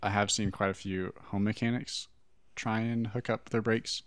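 A man's voice: lowish voice, level tone, moderate pace. A man co-hosting a podcast, chatting casually in loose run-on thoughts about bike repair. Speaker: podcast co-host, bike mechanic.

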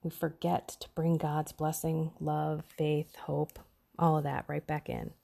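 Low, gravelly woman with a dark voice. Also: little pitch movement. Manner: earnest, preachy, quick bursts of emphasis. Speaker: podcast host. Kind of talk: personal faith talk.

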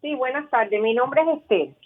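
A woman's voice: sits high, lively intonation, moderate pace. A woman from Cuba, calling in to a radio show and speaking in an indignant, passionate way over the phone. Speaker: radio caller. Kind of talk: impassioned call-in comment. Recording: phone line.

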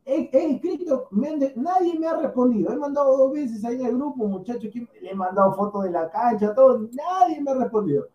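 A man's voice: very high voice, fairly quick, few pauses. A man co-hosting a football podcast, joking and rambling in loose banter. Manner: joking, rambling, animated bursts. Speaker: podcast co-host. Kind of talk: casual sports banter. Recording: distant, dull and echoey room mic.

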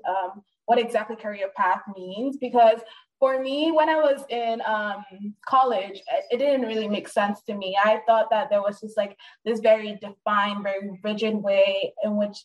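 A woman's voice: a little high, moderate pace, distant mic, rough recording. A woman in her twenties from Nigeria, a podcast guest who talks in an earnest, reflective way with many fillers. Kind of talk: casual interview.

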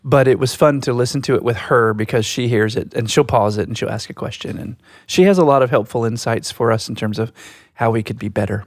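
Gravelly-voiced man on a podcast. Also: mid-range voice, dry recording, clean studio sound. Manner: reflective, storytelling, slow and deliberate. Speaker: podcast co-host. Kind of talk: casual podcast chat.

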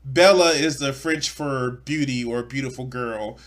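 A man's voice: mid-range voice, measured pace, a bit bright. A man, speaking bluntly and profanely with stammering restarts as he streams an off-the-cuff reaction.

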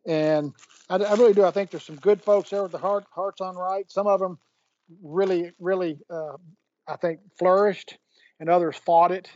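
Halting man on a muffled line. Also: high voice, steady tone, a little mellow. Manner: halting, repeats words, many fillers. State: hiccups. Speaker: guest, former sports executive. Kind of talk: candid phone interview.

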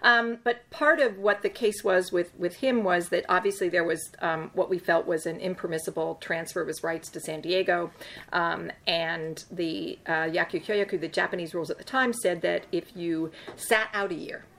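An older woman, a sports agent, tells stories about past deals in a conversational interview. Her voice is lowish, steady and a bit bright, at a moderate pace. She rambles wryly, with lots of ums and restarts.

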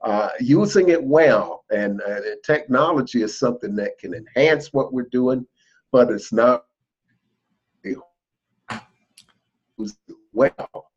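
A man's voice: medium pitch, slow pace, long pauses, a little mellow, husky, lo-fi sound. A man co-hosting a podcast over a video call, his audio glitching and breaking up with dropouts as he talks. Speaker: unofficial podcast co-host. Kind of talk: casual conversation on a video call.

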